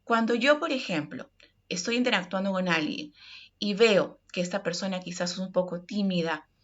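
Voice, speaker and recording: A woman's voice: mid-range voice, moderate pace, highs cut off. A woman with a Peruvian Spanish accent giving an online workplace communication lesson, explaining step by step and often checking in with "ok?". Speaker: course instructor.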